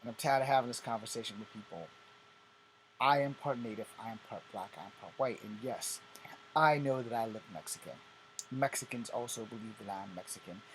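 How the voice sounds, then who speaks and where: A man's voice: mid-range voice, slight background noise, poor audio. Blunt, profane man in his fifties. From Virginia, USA. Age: 50s. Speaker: vlogger host. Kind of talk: casual ranting vlog.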